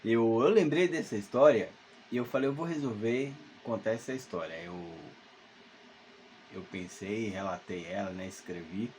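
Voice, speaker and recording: A man's voice: lowish voice, moderate pace, darkish tone, slight background noise. A man, telling a spooky childhood story at home in a rambling, hesitant way full of fillers and restarts. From Salvador, Brazil. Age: 50s. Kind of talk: casual spoken ghost story. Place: at home alone.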